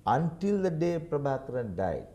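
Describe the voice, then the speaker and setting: A man's voice: fairly high pitch, big pitch swings, moderate pace, dark tone. A man, a political commentator in a studio news interview, making his points insistently and checking agreement with "right?". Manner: emphatic, insistent, keeps asking "right?".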